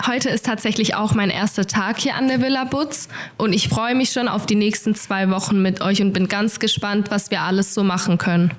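19 yr old woman, trainee childcare worker, friendly and eager, ordinary pitch. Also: fairly even intonation, moderate pace, hardly any pauses. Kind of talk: casual interview answers.

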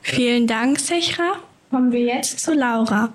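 A woman with a high voice leads a friendly interview, asking short, polite questions. Her delivery is simple and tidy. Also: unhurried.

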